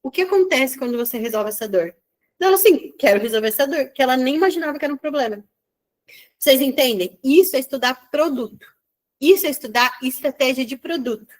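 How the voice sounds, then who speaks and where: This high-pitched woman is a business mentor leading a session online. Her Brazilian Portuguese accent comes through as she chats animatedly, full of rapid side remarks.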